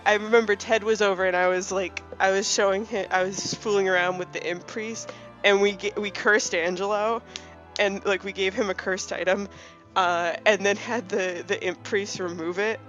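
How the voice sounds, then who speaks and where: A woman's voice: mid-range voice, fairly even intonation, normal speed, fairly bright tone, faint music behind. A woman in her twenties chatting casually about a game, talkative and often restarting her sentences. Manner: chatty, self-correcting, many restarts. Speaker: co-host.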